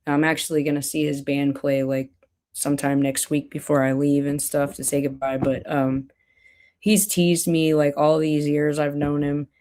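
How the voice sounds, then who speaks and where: A woman's voice: low voice, darkish tone. A woman hosting a live stream, chatting casually and rambling with lots of restarts and fillers. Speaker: stream host.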